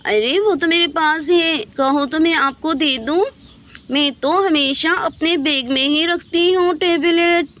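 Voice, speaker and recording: A woman's voice: sits high, measured pace, fairly bright tone, voice pushed up. A woman voicing a cheerful, obliging young village woman in a doll story. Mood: eager. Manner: chirpy, obliging.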